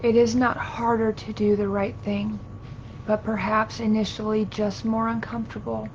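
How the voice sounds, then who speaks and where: A woman channeling as a seance medium, giving a solemn spiritual sermon in formal, archaic, halting phrases as a collective "we". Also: little pitch movement, a little mellow. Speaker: trance channeler. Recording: dull lo-fi audio with low rumbling noise.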